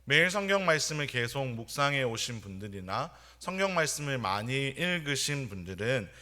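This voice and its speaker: A young man, preaching a sermon in an earnest, measured way in a church. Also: medium pitch, very animated, sharp tone. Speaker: pastor. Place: church sanctuary.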